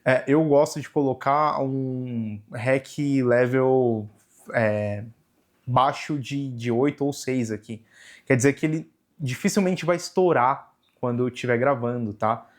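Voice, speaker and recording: Here a young Brazilian tutorial host guides viewers through his camera menu in an easygoing, practical video, peppering his steps with "né" and "tá." His mid-range male voice moves a little slowly, and the sound comes from the camera's built-in microphone.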